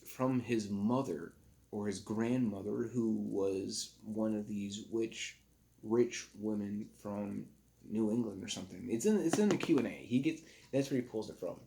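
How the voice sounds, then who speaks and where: A man casually recapping a movie plot for a review, rambling and halting, with frequent fillers and self-corrections. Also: lowish voice, gravelly, dark tone, slight background noise.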